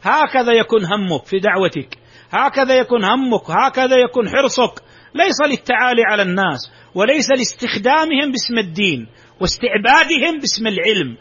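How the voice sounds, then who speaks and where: A man's voice: high-pitched, fairly bright tone, husky. A man giving a sermon, emphatic, his voice rising sharply when he exclaims. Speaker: preacher. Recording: dull lo-fi recording.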